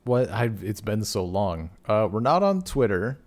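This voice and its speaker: A man's voice: on the low side, sing-song, measured pace, darkish tone. A man with an Upper Midwest accent hosting a casual podcast chat, rambling with lots of fillers. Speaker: podcast host.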